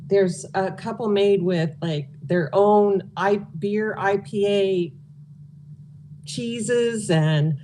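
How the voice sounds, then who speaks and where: A woman's voice: medium pitch, a little hiss or hum, rough recording. A woman answering interview questions as a local event organizer, speaking in a casual, candid way. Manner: informal, candid. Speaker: interview guest, local food and beverage nonprofit organizer.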